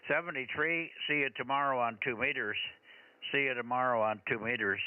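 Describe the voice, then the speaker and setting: A man's voice: mid-range voice, fairly quick, dry recording. A man working as a ham radio net operator, reading callsigns and repeating phrases in radio procedure talk over a crackly radio link. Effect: crackly radio transmission. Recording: crackly noisy narrowband shortwave radio with clicks.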